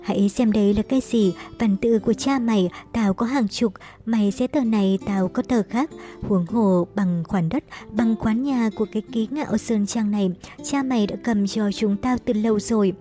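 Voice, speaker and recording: Cruel bandit chief voiced by a woman, gloating, threatening, mellow low-toned delivery, soft music behind. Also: normal speed, natural voice. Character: cruel arrogant young male bandit boss.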